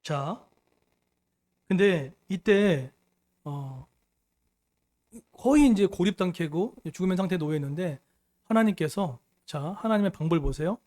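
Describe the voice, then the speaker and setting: A man's voice: high voice, expressive, a little slow, pauses often, darkish tone. A middle-aged male pastor preaching a sermon, emphatic, often putting questions to the congregation.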